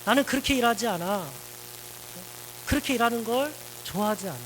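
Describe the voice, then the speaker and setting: A man voicing God as he gently questions a weary prophet with repeated, emphatic questions. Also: very high voice, lively intonation, fairly quick, long reverb tail, a little hiss or hum, low-quality recording. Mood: gently probing.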